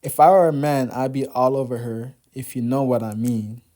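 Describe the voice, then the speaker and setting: A man voicing a cheerful, forward young woman nurse in a manga read-aloud, talking brightly and a little louder than his narration. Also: mid-range voice, fairly even intonation, moderate pace, lightly acted. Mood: bubbly.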